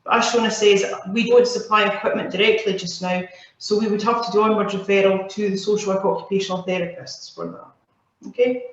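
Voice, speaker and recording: A woman's voice: mid-range voice, fairly even intonation, a little fast. A woman speaking as an occupational therapist over a video call, explaining plainly and listing examples. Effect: heard over a video call. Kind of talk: casual explanatory talk. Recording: muffled, very echoey video call audio.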